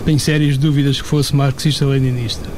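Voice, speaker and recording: A man commenting in a casual discussion, measured and analytical, with some fillers. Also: mid-range voice, little pitch movement, noisy background.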